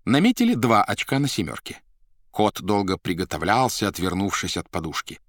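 A man reading an audiobook as narrator, with an expressive delivery. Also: on the low side, normal speed, dry recording, studio quality. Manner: expressive, voices every character. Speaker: audiobook reader. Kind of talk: scripted narration.

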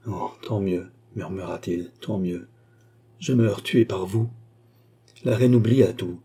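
A man reading a classic novel aloud as an audiobook narrator, in a measured, unhurried way. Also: fairly low pitch, dark tone, husky.

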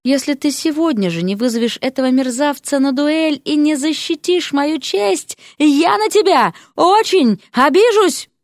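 A woman's voice: high voice, lively intonation, a little slow, hardly any pauses, no room sound, studio quality, pitched above the performer's own voice. A woman voicing a haughty, hysterical noblewoman who shrieks and commands. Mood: imperious. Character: shrill haughty noblewoman aunt, bossy and hysterical.

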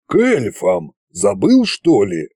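A stern, menacing old villain king, as a man reads him, drawing out each word slowly in a low, dark voice. He sounds set back from the mic, unhurried and heavy with threat in a storybook telling. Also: huge pitch swings, breathy edge, no room sound, clean studio sound, exaggerated voice. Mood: curt. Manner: slow, threatening drawl.

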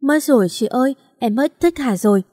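A woman's voice: on the high side, fairly quick, warm tone, no room sound, studio quality, lightly acted. Woman voicing an impulsive chatty younger sister. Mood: tearful.

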